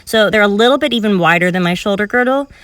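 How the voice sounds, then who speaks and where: A woman's voice: mid-range voice, lively intonation, fast talker, a bit bright, no room sound, distant mic. A woman leading a home cardio workout, counting reps and cueing moves while exercising, slightly out of breath. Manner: encouraging, counts reps aloud while moving. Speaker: fitness instructor. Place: filmed outdoors in public.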